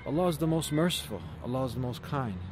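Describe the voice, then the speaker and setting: A man's voice: mid-range voice, fast talker. A man hosting a vlog, talking casually and earnestly about faith, repeating phrases as he goes. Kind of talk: casual vlog talk with religious preaching. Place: outdoors outside a church in town. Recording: faint outdoor street and traffic noise.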